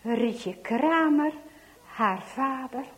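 A woman reading a children's story aloud, dramatic, dropping to hushed whispers and rising to loud exclamations. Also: sits high, animated, very slow.

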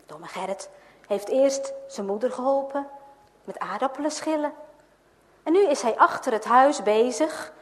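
A woman reads a children's story aloud, gentle and expressive, at an unhurried pace in a high voice. Her words ring out in a long hall reverb. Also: a little hiss or hum.

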